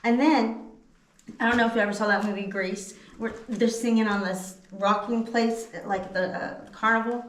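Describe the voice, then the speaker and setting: A woman's voice: on the high side, steady tone, moderate pace, a bit bright. Echoing cave guide, an enthusiastic woman. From Texas. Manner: enthusiastic, folksy, informal grammar. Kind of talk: casual guided cave tour talk. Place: inside a cavern, echoing. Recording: echoing cave, distant mic, noisy.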